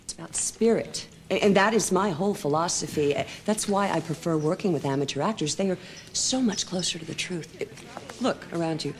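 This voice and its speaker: A woman's voice: fairly low pitch, a little fast, slight background noise, natural voice. An actress in her forties playing an effusive, theatrical director of an amateur troupe in a television drama. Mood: earnest, wheedling.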